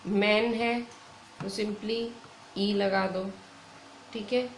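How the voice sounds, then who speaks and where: A woman's voice: mid-range voice, fairly even intonation, a little hiss or hum. A young woman teacher with an Indian accent, patiently explaining grammar in an online lesson. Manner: slow, patient explaining with frequent "theek hai". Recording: echoey room with faint ambience.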